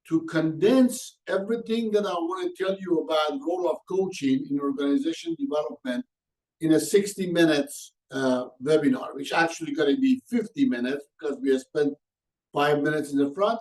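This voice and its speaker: A man's voice: on the high side, expressive, normal speed, darkish tone, distant mic, rough recording. A man in his sixties from Iran with a Persian accent, giving a webinar lecture in an earnest, personal way, with hesitant fillers and non-native grammar. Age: 60s. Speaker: guest presenter.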